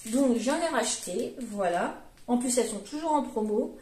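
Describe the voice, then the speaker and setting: A woman's voice: on the high side, lively intonation, moderate pace, dark tone. Chatty woman in an echoey room. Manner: chatty, rambling, many fillers and self-corrections. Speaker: vlogger, mother. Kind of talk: casual grocery haul chat.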